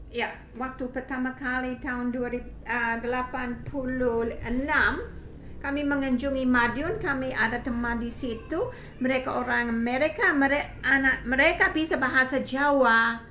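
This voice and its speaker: A middle-aged woman speaks in a casual interview with a foreigner's Australian accent. Her voice sits fairly high and she pauses to find words. The room is echoey, with some faint noise behind her. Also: pushed and bright. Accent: foreign, Australian-accented Indonesian. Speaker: interviewee, mother of the host. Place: small home room indoors, camera mic a few metres away.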